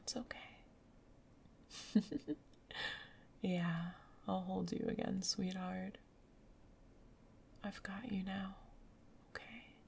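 A woman whispering softly in a gentle, soothing ASMR roleplay as a caring girlfriend. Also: medium pitch, steady tone, slow pace, vocal fry, long pauses, slight background noise. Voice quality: soft whispery. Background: rain sounds.

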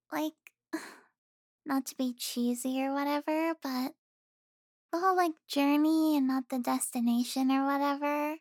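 A woman playing a teasing girlfriend, very high. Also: dry recording, clean studio sound. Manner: teasing, soft, with frequent sighs and giggles. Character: affectionate teasing young adult girlfriend. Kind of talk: intimate audio roleplay.

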